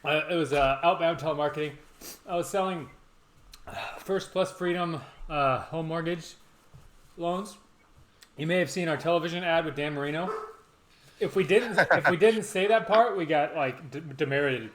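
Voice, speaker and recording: Roomy-sounding middle-aged man, halting storyteller. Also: on the high side. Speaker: podcast host and challenge organiser. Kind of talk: casual chat and storytelling. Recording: roomy, echoing sound with background noise.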